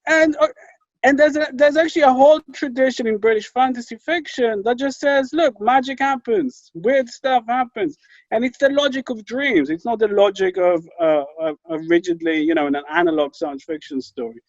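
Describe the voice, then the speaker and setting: A male writer talking as a panel guest, animated and conversational, often restarting his sentences and leaning on "you know.". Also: very high voice, fairly quick, no echo. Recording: dull lo-fi call audio, dry.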